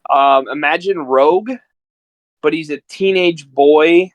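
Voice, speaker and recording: Speaking at a slow pace in a voice that's a little high, an amateur voice actor guesting on a podcast tells stories with rambling enthusiasm. It's casual chat on a dry recording.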